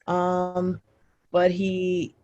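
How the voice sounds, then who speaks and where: A woman's voice: lowish voice, monotone, extremely slow, warm tone, muffled recording. A young woman, a former college footballer, casually telling her story as a podcast guest, with many fillers and restarts.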